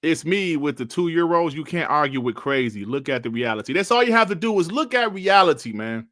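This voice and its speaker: A man in his forties chatting casually on a livestream, reading out chat messages and bantering with loud laughs and slang. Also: fairly high pitch, lively intonation, a little fast, no room sound, clean studio sound. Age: 40s. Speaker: streamer reading live chat.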